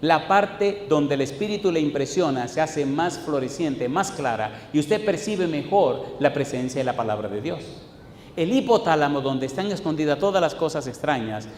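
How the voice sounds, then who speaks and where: A male pastor preaching in a church sanctuary, his voice a touch high for a man. He hammers rhetorical questions at the congregation and drops from loud declaiming to low asides. The sound rings around a large hall with a long reverb and a faint hiss underneath. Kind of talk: sermon.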